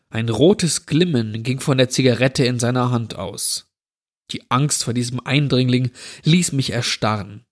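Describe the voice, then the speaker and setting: A man narrating a scripted horror story in a slow, measured way. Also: medium pitch.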